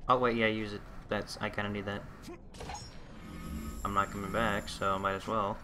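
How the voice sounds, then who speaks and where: A man's low-ish, flat voice delivers gameplay commentary at normal speed as he plays through a game. Exasperated, he curses at the enemies and speaks to them while fighting, with game music and sound effects behind him.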